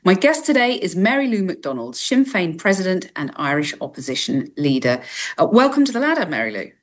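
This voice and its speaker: Woman, interview host, somewhat low voice, scripted intro, questions. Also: very animated, a little fast. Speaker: podcast host. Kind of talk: interview hosting.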